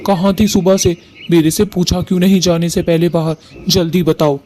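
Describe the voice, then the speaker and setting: A man's voice: sits high, steady tone, normal speed, dark tone, slight background noise, natural voice. A man voicing a stern, protective father bird in a cartoon who gives firm commands. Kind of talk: Hindi cartoon voice acting.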